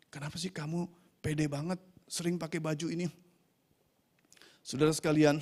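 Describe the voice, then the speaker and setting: A pastor preaching a sermon in church, telling stories and addressing the congregation often as he swings from quiet asides to emphatic peaks. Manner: storytelling with frequent "saudara sekalian" asides; rises to emphatic preaching peaks, drops low between.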